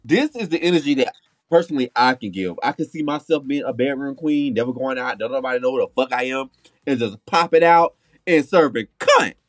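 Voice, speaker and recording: A man's voice: medium pitch, expressive, brisk, dry recording. A man co-hosting a podcast with casual, sassy drag queen banter, profane and campy, leaning hard on key words. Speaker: podcast co-host. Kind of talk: casual reality-show review banter.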